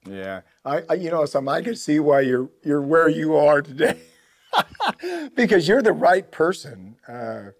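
An older man hosting an interview, talking in a halting way with many repeated words. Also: fairly high pitch, very animated, dry recording. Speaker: podcast host. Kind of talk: casual interview.

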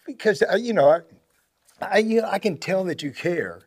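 An older man hosting an interview, talking in a halting way with many repeated words. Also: high voice, expressive, a little mellow, dry recording, clean studio sound. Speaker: podcast host. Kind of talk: casual interview.

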